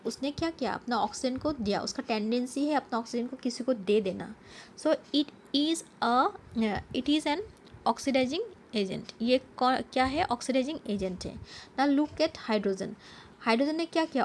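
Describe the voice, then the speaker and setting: A woman science teacher explains a slide lesson, asking herself questions and answering them, and reads English definitions out slowly. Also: fairly high pitch, slight background noise. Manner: switches between Hindi and English, reading English definitions slowly.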